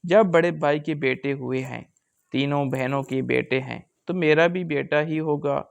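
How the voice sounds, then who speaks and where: A man voicing a harsh, moody young husband, in a gravelly voice. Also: on the high side. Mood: stern.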